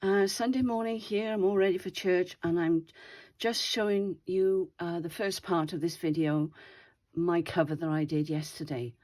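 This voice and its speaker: Showing her craft project at home, an older woman, a craft video host, chats in a casual show-and-tell. Her lowish voice is steady, darkish and slightly wheezy at a moderate pace, and she rambles chattily while correcting herself.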